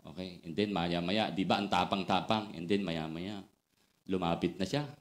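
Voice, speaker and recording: A man preaching a sermon, telling a personal story, mixing in English phrases and moving between soft quoted asides and loud excited bursts. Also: low-pitched, moderate pace. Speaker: pastor.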